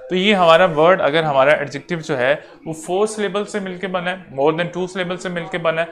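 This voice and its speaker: A man with a Pakistani accent teaching an online exam-prep English lecture, explaining slowly, repeating points and checking that students follow. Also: high-pitched, fairly bright tone.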